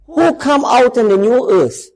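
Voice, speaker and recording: High-voiced man preaching with emphasis. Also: expressive, a little slow, poor audio. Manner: emphatic, questions the congregation, swells to shouting. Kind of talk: sermon.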